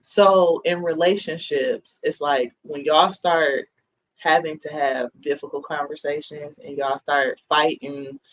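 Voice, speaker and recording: A man in his thirties hosts a casual podcast chat, speaking slowly with a fairly high, fairly bright voice and fairly even intonation. He is reflective and earnest, often checking in with "you know what I mean?" The audio quality is poor.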